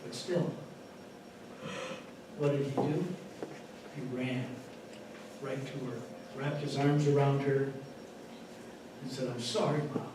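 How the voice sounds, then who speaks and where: A man preaching a sermon as pastor, telling animated stories with sudden loud bursts, heard from far off in a church sanctuary. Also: medium pitch, slow pace, long pauses, heavy reverb, noisy background.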